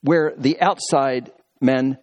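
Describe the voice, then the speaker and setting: A man preaching a sermon, telling stories and reading scripture, moving between quick asides and slow, emphatic phrases. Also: mid-range voice, steady tone. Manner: reads scripture aloud within the talk. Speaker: pastor.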